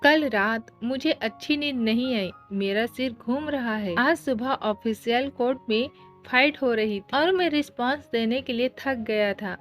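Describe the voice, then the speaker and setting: A smug, domineering young nobleman in a romance storybook, as a woman narrator puts him on. He teases and coaxes playfully, in a voice left on the high side. Soft music runs underneath. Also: measured pace, lightly acted. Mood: coaxing.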